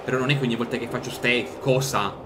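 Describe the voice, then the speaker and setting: A man's voice: mid-range voice, steady tone, fast talker, background noise. A man commentating a horror game he is playing, jumpy and joking to himself, swearing as he goes. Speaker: gaming streamer. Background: game music.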